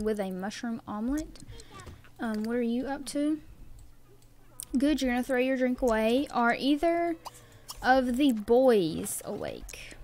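A woman's voice: on the high side, darkish tone. A young woman with a Southern American accent giving casual let's-play commentary, chatting to the game characters as she plays. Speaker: gameplay commentator.

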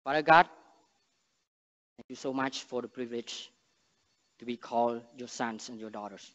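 A young man from Cambodia, speaking English with a Cambodian accent, gives an earnest church sermon and prayer, with halting phrasing and frequent restarts. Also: medium pitch, fairly bright tone. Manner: earnest, halting non-native English with restarts and emphatic rises. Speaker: missionary speaker. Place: large church sanctuary stage. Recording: long church reverb, dull sound.

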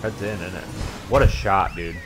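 A man's voice: sits low, moderate pace, music in the background, poor audio. A laid-back man chatting while gaming with friends, laughing often. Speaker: gamer. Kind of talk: casual gaming chat.

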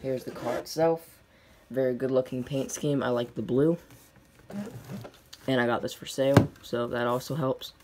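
A man's voice: medium pitch, steady tone, normal speed, pauses often. A young man giving casual unboxing video commentary in plain, unscripted, short clipped phrases. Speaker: diecast collector reviewing on camera. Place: indoors at a tabletop display. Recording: noisy home recording with clicks.

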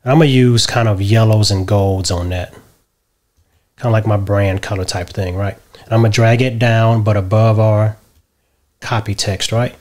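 A middle-aged man explaining a software tutorial step by step from a home office, often checking in with "right?". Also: lowish voice, moderate pace. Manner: relaxed step-by-step explaining, tags lines with "right?". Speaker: tutorial host. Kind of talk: screen-share software tutorial.

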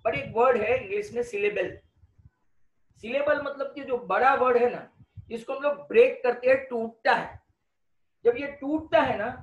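A man with an Indian accent teaching an English grammar lesson, explaining slowly and asking the class questions, then answering them himself. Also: sits high. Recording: roomy, distant, dull lo-fi sound.

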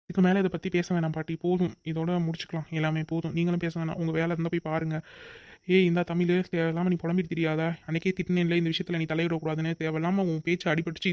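A man's voice: on the high side, a little mellow, dry recording, lightly acted. A man voicing a curt, dismissive young elder brother in a cartoon, speaking in a commanding way. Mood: threatening.

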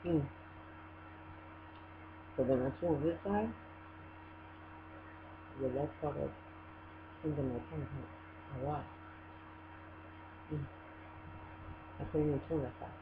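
A man talking while chewing in a casual eating vlog, mumbled and halting as he thinks aloud. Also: fairly high pitch, vocal fry. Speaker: vlogger. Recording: tinny phone-like audio with hum.

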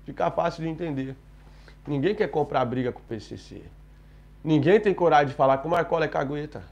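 A man with a Brazilian accent ranting indignantly to viewers on a live stream, repeating himself and building to loud outbursts. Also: a little high, brisk, gravelly. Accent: Brazilian Portuguese. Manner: indignant, repetitive, rising to shouting.

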